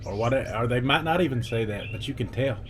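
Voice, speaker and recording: Emphatic man giving opinions, medium pitch. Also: expressive, a little fast, fairly bright tone, a little hiss or hum. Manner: emphatic, plain-spoken. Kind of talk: casual opinion vlog.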